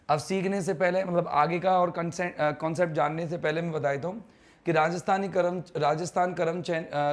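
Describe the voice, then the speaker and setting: A man runs a live online English grammar class. His voice sits a little high, and he talks in a chatty, teasing way while quizzing his students on their answers. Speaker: teacher.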